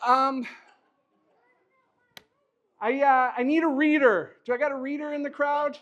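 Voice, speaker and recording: A man's voice: very high-pitched, fairly even intonation, a little slow, a bit bright, dull audio. A man performing as a magician at a live show, joking and encouraging a volunteer with chuckling banter. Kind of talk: live stage patter with a volunteer. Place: live show in front of an audience.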